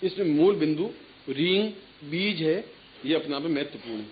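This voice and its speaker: Guru chanting, tinny archival sound. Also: male voice, on the high side, animated, normal speed, slight background noise. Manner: instructive, chants mantras rhythmically. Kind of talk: spiritual discourse with mantra chanting. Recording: tinny phone-like archival recording.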